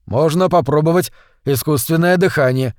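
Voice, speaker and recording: A man's voice: fairly high pitch, normal speed, darkish tone, dry recording, studio quality, natural voice. A man reading a practical man in a crisis. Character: adult man, practical and speculating.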